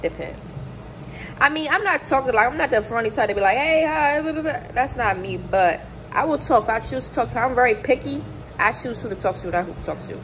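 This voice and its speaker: Animated young woman with a higher voice, telling a storytime. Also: brisk, a little hiss or hum, poor audio. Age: 20s. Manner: animated, acts out quoted people in a higher voice. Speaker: vlogger. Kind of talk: casual storytime chat. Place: hotel room, indoors. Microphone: phone camera held close below the face.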